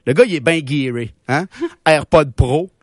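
Young Québécois man with a high voice, dry close sound, radio humor bit, animated and slangy, laughs at his own lines. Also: unhurried, dry recording. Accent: Québécois French. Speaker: radio show humor columnist. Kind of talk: comic storytelling on a radio show.

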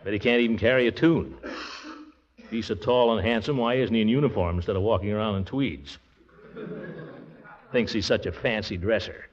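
An actor playing a pompous, blustering middle-aged uncle in a 1940s radio comedy, exclamatory and theatrical. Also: male voice, fairly low pitch, moderate pace, long pauses, lightly acted. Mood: jealous grumbling. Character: pompous, blustering middle-aged uncle, vain small-town big shot. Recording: muffled vintage 1940s radio recording.

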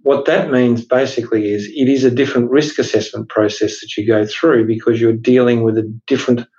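A man's voice: medium pitch, steady tone, brisk, dark tone. Aussie guy chatting workplace law on a podcast, asks himself questions then answers, a bit dull lo-fi audio. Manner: chatty, emphatic, explains with rhetorical questions. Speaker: podcast co-host, workplace lawyer. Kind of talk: casual legal discussion podcast.

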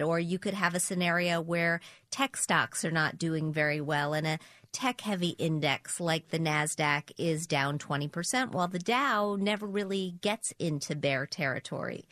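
A woman with a somewhat low voice explains money matters in a steady, clear way. She sounds like a personal finance co-host talking things through on a show. The sound is dry and close. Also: no room sound. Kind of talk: conversational explanation.

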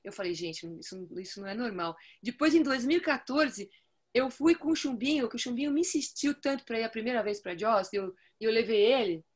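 Woman, casual surf story, somewhat high pitch, acts out quotes. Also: fairly quick, slightly rough. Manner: lively storyteller acting out quoted dialogue. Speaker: surfer telling stories. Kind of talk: casual chat among friends.

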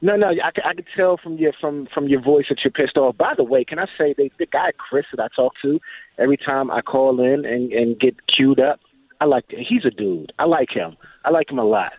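A man's voice: mid-range voice, brisk, no room sound. A male caller rambling in a chatty way, tripping over restarts. He comes through a tinny, phone-like line with a dry sound. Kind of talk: call-in sports chat. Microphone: telephone.

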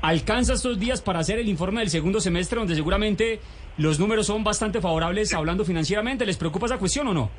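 A man's voice: high voice, fast. A man with a Colombian accent reporting news and putting questions on the radio.

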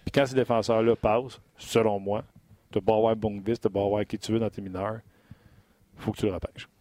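A sports radio host with a Québécois French accent runs a hockey draft talk show, chatting away with plenty of hesitations. His voice is on the low side, mellow and steady, and he speaks fairly quickly.

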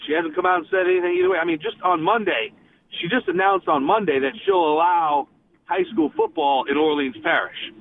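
A sports director calling in to a radio show, talking with passion and frustration and restarting often, heard over a phone line. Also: male voice, sits high, huge pitch swings, fairly quick, vocal fry. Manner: impassioned, frustrated, many restarts.

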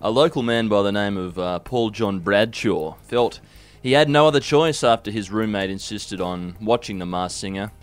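A man's voice: on the low side, normal speed, clean tone, faint music behind. An Australian man co-hosting satirical news with dry, mock-earnest commentary. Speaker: co-host of satirical news show.

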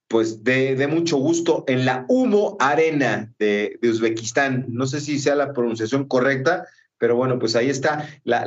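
A man hosting a casual boxing talk show, telling chatty stories with plenty of fillers. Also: medium pitch. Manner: chatty storyteller, many fillers. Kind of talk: casual sports chat. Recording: dull lo-fi recording.

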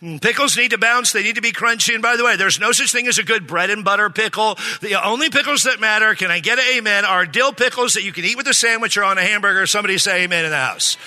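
A middle-aged man preaches in a church, his voice high-pitched and very bright. He jokes and asks the congregation for amens. Long reverb from the large hall trails behind his words. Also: quick pace, few pauses. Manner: joking, calls for amens from the congregation. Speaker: pastor. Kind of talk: sermon. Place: church sanctuary.

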